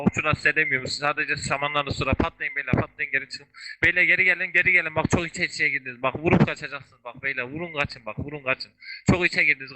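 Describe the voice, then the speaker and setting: Man barking rapid battle orders. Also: a little high, bright, forceful tone, slight background noise, rough recording. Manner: rapid, repetitive barked orders. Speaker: guild leader calling orders. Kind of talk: live voice-chat commands during an online game battle.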